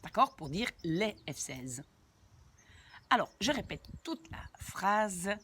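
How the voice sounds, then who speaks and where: Slow, patient woman teaching Dutch. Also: medium pitch, very animated, a bit bright, breathy edge. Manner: patient, repeats and translates word by word; chatty asides to viewers. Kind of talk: language lesson explaining a sentence.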